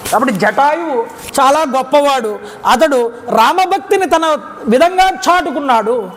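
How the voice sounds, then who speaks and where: A man's voice: very high voice, fairly bright tone. A man with a Telugu accent giving a devotional discourse that retells an epic story, acting out the characters' words as he goes. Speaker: Ramayana discourse speaker. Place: temple grounds. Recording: reverberant hall, faint background noise.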